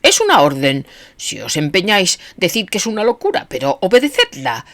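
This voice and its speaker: A woman voicing a frantic, desperate male anarchist who shouts and pleads in anguish, in an audiobook reading. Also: medium pitch, huge pitch swings, fairly quick, creaky, voice pushed up, heavily acted. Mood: pleading.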